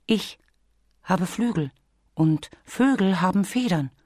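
A storyteller voicing a small, wise female bee who patiently tries to talk sense into her friend, in a raised, gentle voice. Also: animated, slow pace, no room sound, clean studio sound. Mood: explaining. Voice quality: high, gentle and coaxing. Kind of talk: storybook read-aloud.

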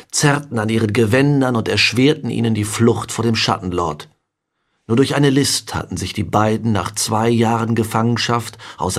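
A man narrating a fantasy audiobook in a measured, calm reading. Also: on the low side. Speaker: audiobook reader.

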